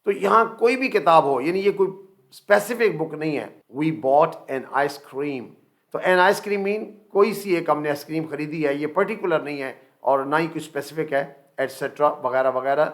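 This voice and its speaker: A middle-aged man with a Pakistani accent teaching English grammar as a classroom lecture, explaining step by step and slowing down to say each English example. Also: a little high.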